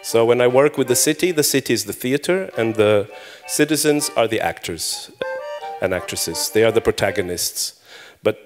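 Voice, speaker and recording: Music plays in the background as a middle-aged man, Hebrew his first language, addresses a conference hall audience. His medium-pitched voice has lively intonation and normal speed, and the talk is chatty and self-deprecating, with many fillers and restarts.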